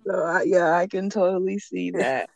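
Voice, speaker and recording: A woman's voice: on the low side, moderate pace, vocal fry, darkish tone, no echo, lo-fi sound. Woman hosting a podcast, dry close sound. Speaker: podcast host. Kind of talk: casual podcast interview.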